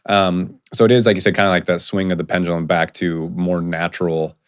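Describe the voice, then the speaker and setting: Chatty low-voiced man, rambling podcast talk. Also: level tone, brisk, clean tone, no echo, studio quality. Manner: chatty, rambling with many fillers and restarts. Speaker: podcast host. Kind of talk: casual conversation.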